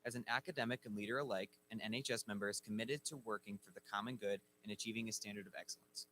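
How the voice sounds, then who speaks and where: A man's voice: lowish voice, steady tone, racing, bright, forceful tone, a little hiss or hum, rough recording. A man announcing at a school ceremony, reading inductee bios formally from a lectern microphone. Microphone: speaking at a lectern microphone.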